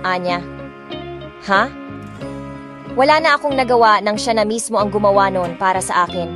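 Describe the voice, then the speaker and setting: This audiobook narrator reads a first-person romance expressively at medium pitch and normal speed. She switches freely between Tagalog and English phrases, and there's music underneath.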